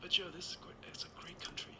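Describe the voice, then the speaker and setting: A fast, whispered male voice belongs to a Taiwan-born man in his sixties being interviewed. He tells a long personal story in a rambling, anecdotal style, often correcting himself.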